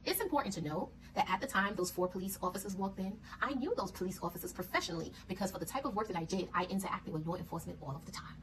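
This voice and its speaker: A woman telling a personal story in a casual storytime style, blunt, profane and animated. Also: medium pitch, rapid-fire, few pauses, distant mic, slight background noise, rough recording.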